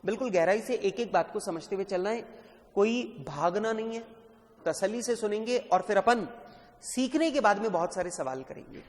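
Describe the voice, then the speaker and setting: A man tutoring accountancy students in a classroom lecture, lively, quizzing the class and addressing them as children. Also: high voice, normal speed, in a large hall. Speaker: CA exam tutor.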